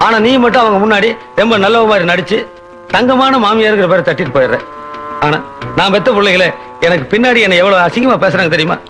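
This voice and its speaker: A man's voice: high-pitched, lively intonation, fast talker, soft background music. Blustering henpecked father-in-law. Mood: plaintive. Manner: grumbling, shouts and threatens. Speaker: actor playing a rich bearded father-in-law. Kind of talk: film comedy dialogue.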